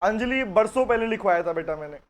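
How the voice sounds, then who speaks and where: A man's voice: sits high, animated, brisk. A man teaching company law in a live online class, chatty and teasing with his students.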